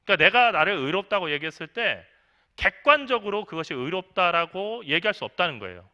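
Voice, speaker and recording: A man's voice: high-pitched, very animated, brisk, pushed and bright. A middle-aged man, a senior pastor, preaching a sermon in a conversational way, asking the congregation questions and acting out quotes. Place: church.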